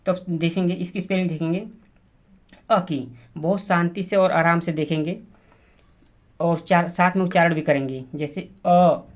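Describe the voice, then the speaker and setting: Low-voiced woman teaching slowly. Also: steady tone. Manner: repeats words, spells letters aloud, many restarts. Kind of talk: slow classroom explanation.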